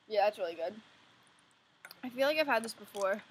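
A young woman vlogging with a friend in casual chat, giggly and loud, exclaiming and swearing freely. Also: mid-range voice, expressive, brisk, slight background noise, low-quality recording.

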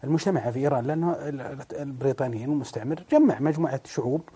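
A man giving political commentary as a studio guest, measured and full of hesitant fillers. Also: mid-range voice, dark tone, breathy edge.

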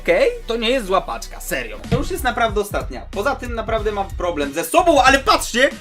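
A man with a hoarse, sore throat giving eager, exclaiming commentary as a gaming channel host. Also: sits high, sing-song, a little fast, a bit bright, soft background music. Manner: eager, exclaims at each card. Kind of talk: excited pack-opening commentary.

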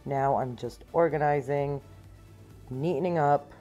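Very low-voiced woman explaining her cleaning. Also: unhurried, warm tone, soft background music. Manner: upbeat, explains each step plainly. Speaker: cleaning vlogger. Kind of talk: clean-with-me vlog narration. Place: small home, living room and pantry.

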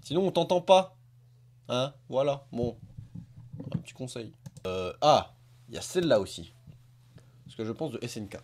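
A man's voice: mid-range voice, expressive, normal speed, pauses often, slight background noise. A man hosting a casual video, commenting on old clips in a rambling, crude way, full of fillers. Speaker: YouTuber host.

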